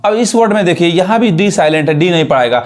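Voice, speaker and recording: Male teacher with a high voice, repeats words and asks rhetorical questions. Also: expressive, quick pace. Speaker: English teacher. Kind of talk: explanatory teaching.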